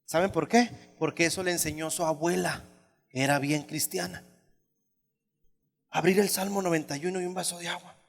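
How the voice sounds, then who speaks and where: With a creaky voice, fairly even intonation and a moderate pace broken by long pauses, a male pastor preaches in a church hall, the recording carrying hall reverb. He is emphatic and conversational, often asking the congregation questions and dropping from loud high exclamations into low asides.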